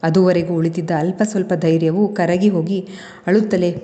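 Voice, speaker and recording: Low mellow woman narrating a story. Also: normal speed. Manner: steady, expressive storytelling. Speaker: storyteller and channel host. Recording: long reverb.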